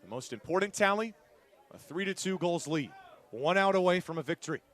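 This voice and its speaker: A man's voice: sits high, expressive, fairly quick, fairly bright tone. A man doing live play-by-play sports commentary in punchy, clipped phrases, as an announcer calling the game. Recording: live stadium crowd behind the voice. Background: outdoor ballpark crowd.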